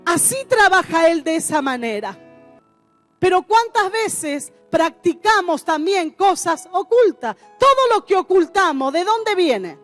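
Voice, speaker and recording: A woman with a Rioplatense Spanish accent preaching a sermon in a church, emphatic, with rising shouts and drawn-out words. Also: very high voice, very animated, faint music behind. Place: church hall.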